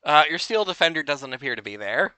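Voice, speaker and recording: A man's voice: on the high side, very animated, fairly quick, bright, forceful tone, smooth, no room sound. A man narrating a tabletop game as game master in a laid-back way.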